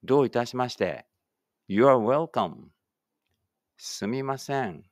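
A man teaching English, leading a read-aloud drill in which he says each phrase and then its English version slowly. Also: mid-range voice, animated, a little mellow, no room sound, clean studio sound. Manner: reads Japanese then English slowly and carefully.

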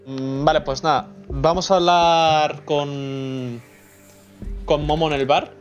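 Swearing Spanish streamer from Spain. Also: male voice, a little high, steady tone, slow pace. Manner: swears a lot, joking, mutters to himself. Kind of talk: casual gameplay commentary. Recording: slightly dull lo-fi sound with faint music.

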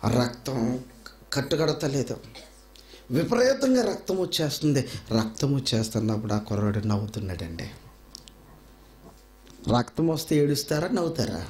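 A man preaching a sermon, emphatic, repeating phrases and swinging between high loud cries and quiet low asides. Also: big pitch swings, moderate pace, pauses often. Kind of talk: Telugu sermon.

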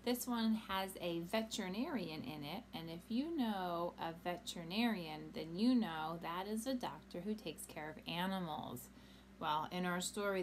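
A woman reading a picture book aloud to children, animated and asking them questions. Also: mid-range voice, a little hiss or hum. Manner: animated, asks young listeners questions. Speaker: storytime reader.

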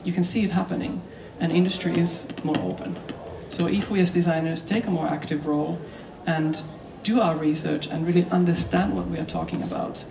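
A woman researcher speaks in a measured, even tone with very little change in pitch. Her voice echoes through a large hall. It is picked up from a distance against background noise. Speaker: design researcher and teacher. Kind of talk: panel talk on stage. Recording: roomy hall, mic at a distance, noisy.

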